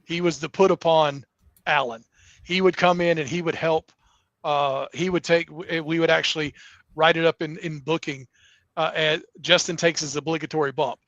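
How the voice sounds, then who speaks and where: Middle-aged male wrestling promoter, earnest and rambling, slightly high voice, muffled dry recording. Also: steady tone, normal speed, a bit bright, no echo. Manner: earnest, rambling with many restarts. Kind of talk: casual interview talk.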